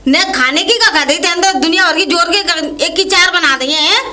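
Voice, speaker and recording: A woman's voice: very high voice, a little fast, bright, forceful tone. A woman playing a stubborn, quarrelsome older mother-in-law in a village comedy skit. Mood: bickering. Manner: quarrelsome, defensive, snappy retorts.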